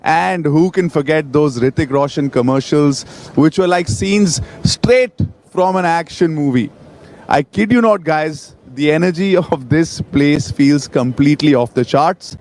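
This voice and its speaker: A man with an Indian accent hosting a live event in an excited, informal, chatty way. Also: fairly high pitch, measured pace. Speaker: event host. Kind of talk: enthusiastic live event hosting, vox-pop interviews.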